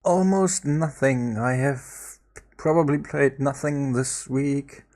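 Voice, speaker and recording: A man co-hosting a casual podcast chat, measured and teasing. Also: medium pitch, fairly even intonation, darkish tone. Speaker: podcast co-host.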